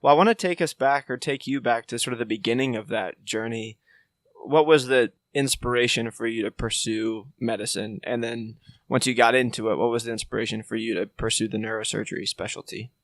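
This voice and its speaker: A man's voice: medium pitch, fairly quick, fairly bright tone, no echo. A man hosting a podcast, asking interview questions in a friendly, upbeat, self-deprecating way. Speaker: podcast host.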